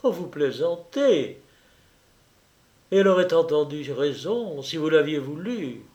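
A man puts on a scheming older noblewoman in a storybook reading, her voice lifted a little high and dripping with ironic sweetness. She needles and feigns concern, always in control. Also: big pitch swings, a little slow, a little mellow. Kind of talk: audiobook character voice.

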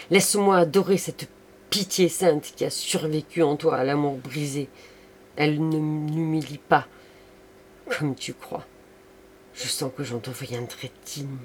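A man's voice: fairly high pitch, a little hiss or hum. A man voicing a remorseful, passionate young artist who pleads for forgiveness, raised and impassioned. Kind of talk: audiobook reading.

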